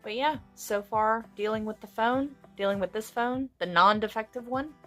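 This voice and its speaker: A woman's voice: fairly high pitch, moderate pace, soft background music. A young adult woman vlogging, casually retelling a story with lots of "you know" and acted-out dialogue. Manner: animated retelling full of quoted dialogue and fillers like "you know".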